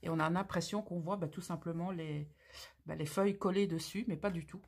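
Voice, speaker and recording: A woman's voice: fairly low pitch, fairly even intonation, brisk, creaky, breathy edge. A woman hosting a craft channel, talking casually through an unboxing with gushing, exclamatory, slangy enthusiasm.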